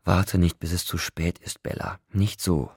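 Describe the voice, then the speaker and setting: A man's voice: deep voice, animated, moderate pace, darkish tone, dry recording, studio quality. A man reading an audiobook, voicing an upset young man who urgently pleads with a friend. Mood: pleading.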